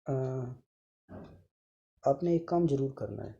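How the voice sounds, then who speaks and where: A man teaching an online grammar lesson to children, patiently repeating each sound and gently addressing his pupils. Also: mid-range voice, animated, takes it slowly, gravelly, lo-fi sound.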